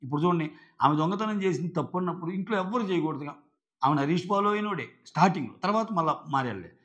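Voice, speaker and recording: Man, casual show commentary, slightly high voice, dull lo-fi sound. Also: lively intonation, very fast, a bit bright. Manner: chatty, acts out quoted lines. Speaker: show reviewer.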